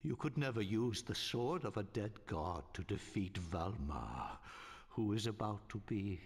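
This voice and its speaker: A solemn, slow-speaking villainous pope. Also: male voice, on the low side, animated, long reverb tail. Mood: solemn, foreboding. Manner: solemn, slow, grandiose, menacing. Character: false pope, grave scheming male villain worshipping dark god. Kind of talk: dramatic video game voice acting. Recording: game music behind the voice.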